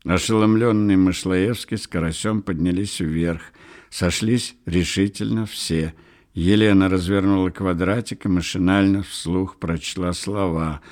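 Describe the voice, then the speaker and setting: A man reading a novel aloud as an audiobook narrator, measured and expressive. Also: low-pitched. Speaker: audiobook reader. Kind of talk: scripted literary narration.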